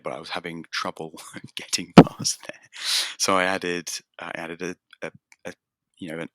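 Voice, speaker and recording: A man's voice: sits low, fairly bright tone, no echo, clean studio sound. A man talking as a podcast guest about making his game, rambling and self-deprecating with lots of restarts. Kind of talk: casual conversation.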